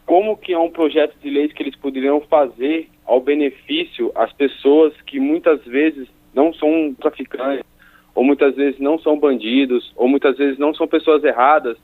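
A man's voice: mid-range voice, no room sound. A man from the interior of São Paulo state, calling in to ask a rambling, informal question. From interior of São Paulo state, Brazil. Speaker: listener calling in. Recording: dry, phone-like narrowband sound.

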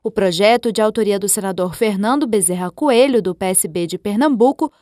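A woman reporter reading a scripted radio news report in a clear, measured delivery. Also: medium pitch, mellow, no echo, studio quality.

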